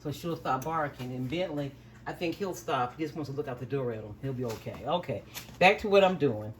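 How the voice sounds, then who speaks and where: A woman's voice: rumbling low, lively intonation, fairly quick, a little hiss or hum. Home cook woman scolding her dogs. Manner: firmly scolds barking dogs, then explains steps plainly. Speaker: home cooking video host. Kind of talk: casual cooking demonstration. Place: home kitchen with dogs nearby.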